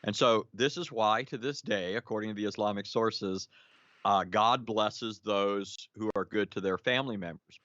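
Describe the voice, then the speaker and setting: A man's voice: lowish voice, a bit bright, dry recording, dull audio. A man explaining at length on a live online show, lecturing with many fillers, restarts and a questioning "right?".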